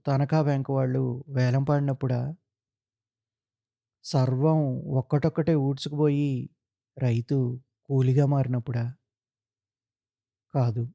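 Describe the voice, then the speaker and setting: A man reading a literary short story aloud in a measured, solemn narration. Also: medium pitch, creaky, warm tone, no room sound.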